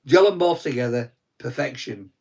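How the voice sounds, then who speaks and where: A young Yorkshire man rambles through a live chat, teasing his partner and tripping over restarts. He sounds worn out from a short night, with a voice pitched in the middle range. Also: animated, moderate pace, gravelly, darkish tone, slight background noise. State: tired from little sleep. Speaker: co-host of a live stream.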